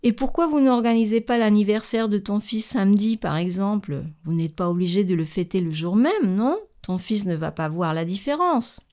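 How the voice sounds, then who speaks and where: Une femme jouant une mère réticente mais ferme. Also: female voice, mid-range voice, animated, moderate pace, few pauses, dark tone, lightly acted. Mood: reluctant. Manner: reluctant, firm. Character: practical working mother, firm but kind. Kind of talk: scripted language-lesson dialogue.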